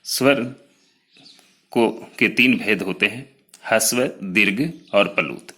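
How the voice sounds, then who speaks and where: A man teaching a lesson, explaining slowly, sounding out each letter one by one and talking straight to his students about his written notes. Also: lowish voice, pushed and bright. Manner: addresses students directly, pointing to written notes. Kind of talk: classroom lecture.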